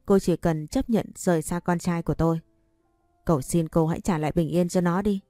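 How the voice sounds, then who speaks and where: Storybook figure: a harsh mother-in-law, low and dry-voiced, done by a woman narrator. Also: fairly even intonation, fairly quick, dark tone, no echo, soft background music, natural voice. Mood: pleading. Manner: harsh, scolding, demanding. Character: stern scornful older mother-in-law.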